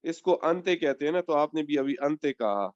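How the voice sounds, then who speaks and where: A man's voice: fairly high pitch, lively intonation, normal speed, no room sound, highs cut off. A man asking polite, hesitant questions as a student in an online class.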